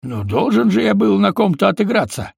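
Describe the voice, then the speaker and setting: A man's voice: high-pitched, big pitch swings, fairly quick, vocal fry, darkish tone, husky, no echo, clean studio sound, pitched above the performer's own voice, exaggerated voice. A man voicing a sadistic, grinning male villain who taunts gleefully in an audiobook. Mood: gleeful taunting.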